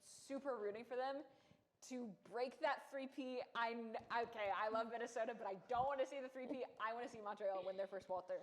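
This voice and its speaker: A fast-talking woman with a fairly high voice leads a sports panel discussion. She keeps the chat moving with upbeat questions to her co-hosts. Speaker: sports analyst.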